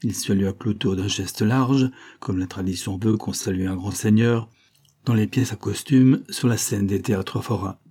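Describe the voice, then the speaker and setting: A man reading an old serial novel aloud in a measured, steady narration. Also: on the low side, husky. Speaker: audiobook reader.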